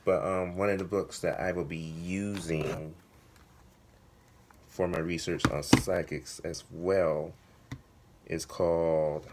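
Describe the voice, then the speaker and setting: Male vlogger, hoarse voice giving out, slow and fairly monotone, casual delivery to viewers. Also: low voice, noisy background. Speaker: video blogger, writer. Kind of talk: casual vlog talk to viewers.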